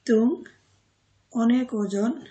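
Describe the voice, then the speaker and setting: Slow mellow woman teaching words one by one, repeats each with its meaning. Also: on the high side. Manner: pauses with fillers and corrects herself. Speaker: language teacher. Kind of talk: vocabulary lesson.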